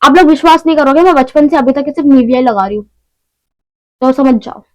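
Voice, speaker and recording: Chatty high-voiced young woman vlogger. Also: a little fast, darkish tone, poor audio. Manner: chatty, rambling, self-mocking asides. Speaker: beauty vlogger. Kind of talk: casual shopping haul vlog.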